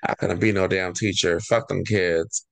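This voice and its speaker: A man's voice: low voice, fairly even intonation, moderate pace, vocal fry, fairly bright tone, no echo, low-quality recording. Sassy, profane male podcast co-host. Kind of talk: casual gossip chat recapping reality TV.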